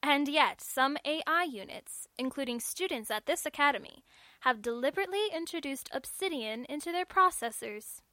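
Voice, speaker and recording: A woman reading the part of a brisk female school registrar, stern yet wry, asking crisp, probing questions. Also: a little high, lively intonation, fairly bright tone, dry recording.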